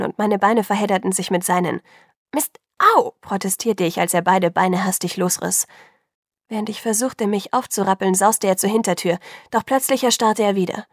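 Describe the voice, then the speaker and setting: A woman narrates a first-person story in an even, measured audiobook delivery. Her voice sits at a middle pitch and comes across dry and close, with no room sound. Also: no room sound.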